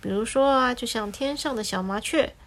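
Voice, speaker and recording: A woman narrating a children's story in a gentle, explaining way, drawing out filler words. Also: on the high side, moderate pace.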